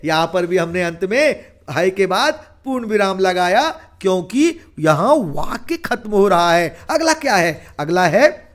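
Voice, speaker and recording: Male Hindi teacher, very high voice, slow and deliberate delivery, asks rhetorical questions. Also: fairly bright tone. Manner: asks rhetorical questions and answers them himself. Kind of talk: classroom lesson explanation.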